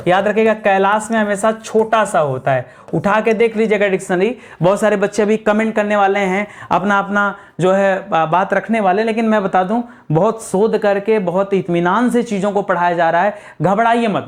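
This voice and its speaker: Male tutor, exam-prep lecture, call-and-response drilling, slow letter-by-letter spelling. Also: sits high. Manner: drills students with repeated questions and answers; slows down to spell words out letter by letter. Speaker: Hindi grammar teacher.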